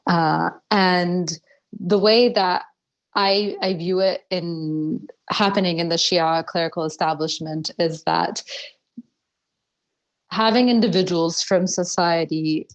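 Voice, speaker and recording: A woman, a research fellow, giving measured answers as a podcast guest, with occasional fillers and restarts. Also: on the low side, steady tone, poor audio. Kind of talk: explanatory interview answers.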